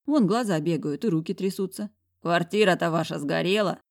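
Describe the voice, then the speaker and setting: A woman reading a first-person novel aloud, expressive with sharp retorts. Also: on the low side, brisk. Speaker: audiobook narrator.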